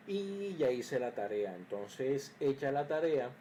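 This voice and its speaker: An engineering teacher records his screen while walking through an electrical circuits lesson step by step, often using fillers, restarting, and muttering to himself as he checks his work. His warm, mid-range voice moves slowly with big pitch swings. The recording is rough, with a little hiss or hum.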